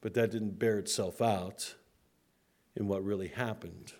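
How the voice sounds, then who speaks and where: A man's voice: fairly low pitch, steady tone, unhurried, a little mellow. A preacher speaking to his congregation. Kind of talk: sermon.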